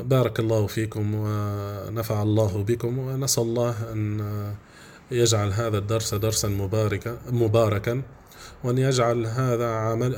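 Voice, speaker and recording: A man giving a grammar lesson, repeating simple examples patiently with frequent drawn-out fillers. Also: medium pitch, darkish tone, a little hiss or hum. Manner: repeats examples slowly, with many "aah" fillers. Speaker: grammar teacher.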